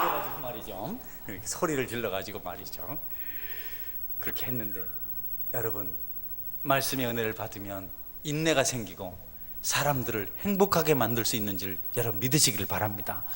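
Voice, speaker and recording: A middle-aged man preaching a sermon as a pastor, swinging from hushed, confiding asides to loud, fervent exhortation. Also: fairly low pitch, lively intonation, fairly quick. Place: church sanctuary. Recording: church sanctuary with long reverb.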